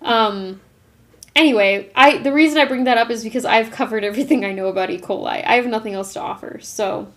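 A young woman co-hosting a podcast in casual chat, lively and quick to laugh. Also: on the high side. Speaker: podcast co-host.

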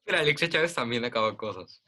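A man's voice: medium pitch, lively intonation, fast talker, pushed and bright. A young man with a Mexican Spanish accent, chatting casually on a podcast, teasing and laughing as he repeats a running joke. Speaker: podcast co-host. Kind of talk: casual chat among friends.

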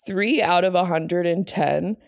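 A young woman co-hosting a casual book podcast, hoarse and gravelly from being sick, rambling and trailing off as she talks. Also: on the low side, measured pace, dry recording, clean studio sound. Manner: rambling, self-deprecating, trails off mid-sentence. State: hoarse from illness. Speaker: podcast co-host.

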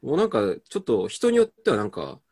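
A man's voice: mid-range voice, wildly swooping pitch, fast talker, a little mellow, slightly rough. A man co-hosting a casual comedy chat, easygoing, mostly agreeing with short replies and adding dry asides. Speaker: co-host.

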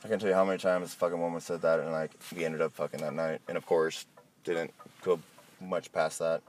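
A man's voice: sits low, little pitch movement, fairly quick, a little hiss or hum. A man talking like a frat bro in a casual podcast chat, slangy and profane. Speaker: podcast host.

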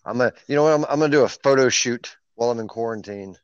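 A male podcast co-host with a mid-range voice talks quickly in a casual chat, joking, playful, and laughing often. His tone is clean with no room sound, but the close, dry recording has a dull, muffled lo-fi quality.

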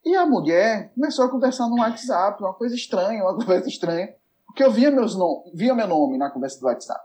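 A man with a Brazilian accent telling a story in a casual chat, animated and laughing often as he acts out the dialogue. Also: high voice, a little fast.

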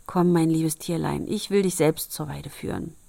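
A woman's voice: sits low, fairly even intonation, moderate pace, creaky, exaggerated voice. Woman voicing an angry old tailor. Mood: gruff. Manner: shouting, scolding. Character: old tailor, hot-tempered, quick to scold.

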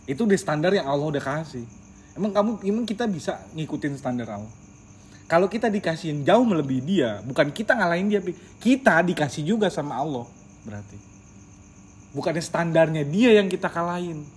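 A man who leads a casual Quran study group, talking in a lively way, slipping in English words and calling his listeners by their nicknames. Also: fairly high pitch, a little fast, a little hiss or hum. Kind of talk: casual religious study talk.

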